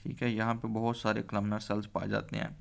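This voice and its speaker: A man's voice: on the low side, level tone, moderate pace, gravelly. A man giving a medical exam-prep lecture. He repeats key terms and keeps checking in with the listener. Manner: explanatory, repeats key terms, frequent "theek hai". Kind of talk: exam-prep lecture mixing Hindi-Urdu and English.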